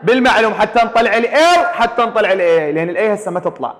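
A man's voice: sits high, very fast, big-room sound, a crowd in the background. A man with an Iraqi Arabic accent teaching a math lecture, firing questions at his students and repeating them for the class to answer. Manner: quizzes students with repeated call-and-response questions.

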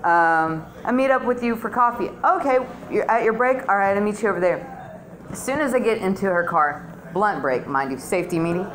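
Her mid-range voice is lively and fairly bright, and she talks fairly quickly: a middle-aged woman doing stand-up at an open mic, telling stories crudely and conversationally with plenty of slang. She uses a handheld stage mic in a small, dim indoor club, filmed on a phone from close below.

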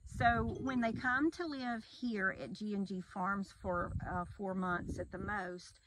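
A woman's voice: medium pitch, steady tone, a little slow, background noise. A middle-aged woman, a wildlife rehabber patiently explaining step by step in a casual outdoor interview by a metal barn wall.

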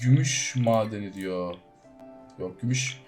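This male gaming YouTuber talks to his viewers in a relaxed, eager way as he plays, alternating between loud shock and low muttering. Slow music plays faintly in the background.

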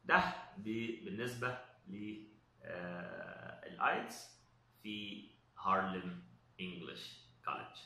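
Egyptian guy teaching test prep, super bright sharp voice, lots of uhs, roomy echo. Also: sits low. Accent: Egyptian Arabic. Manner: hesitant, frequent drawn-out "uh" fillers, mixes in English terms. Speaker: English test instructor. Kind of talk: explanatory talk.

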